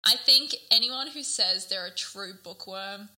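A young Australian woman in her late teens, co-hosting a casual podcast in a relaxed, upbeat way. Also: medium pitch, unhurried. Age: young adult. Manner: relaxed, upbeat, loose and chatty. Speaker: podcast co-host. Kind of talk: casual chat.

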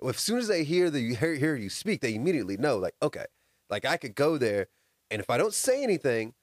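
A man's voice: mid-range voice, very animated, brisk, dry recording, studio quality. A man from the United States in casual chat who laughs often while telling stories and quoting people.

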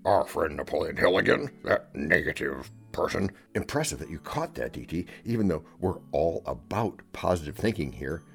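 A man's voice: rumbling low, big pitch swings, moderate pace, gravelly, hardly any pauses, faint music behind. A man hosting a scripted comedic podcast with a wry, theatrical delivery and playful asides. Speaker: podcast host.

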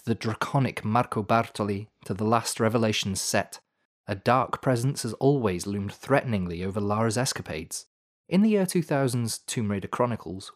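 A man hosting a podcast with scripted storytelling narration, in measured, dramatic phrasing with dry asides. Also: lowish voice. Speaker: podcast host. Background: music.

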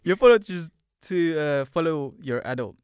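A man's voice: on the high side, animated, normal speed, clean tone. Casual, rambling man from the Philippines. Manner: loose and rambling, with many fillers and restarts, casual swearing. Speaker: podcast guest. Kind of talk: casual chat.

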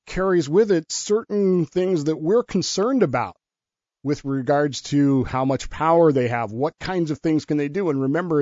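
A man's voice: a little high, darkish tone, no echo. Male radio guest who explains history and tells stories. Muffled, dry studio audio. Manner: storytelling, explanatory. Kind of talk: talk radio history segment.

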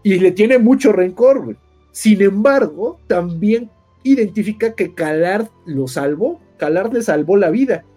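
High-voiced Mexican man telling a slangy story. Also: expressive, unhurried, mellow, slightly rough, soft background music. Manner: slangy, swearing, conversational. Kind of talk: casual, animated story recap with acted-out dialogue.

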